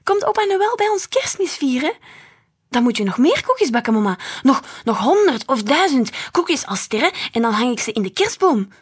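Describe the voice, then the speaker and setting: An excitable little girl from a storybook, squealing and pleading in a high, breathy voice, as a woman reading aloud puts her on. She bounces up and down in pitch and pushes her words out loud. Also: moderate pace, heavily acted. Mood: excited pleading.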